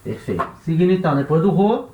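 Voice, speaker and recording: A man with a Brazilian Portuguese accent teaching a language lesson, slowly repeating each letter and its sound and checking in with tá and né. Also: fairly high pitch, sing-song, dull audio, slight background noise. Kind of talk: classroom-style lesson. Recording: echoey room.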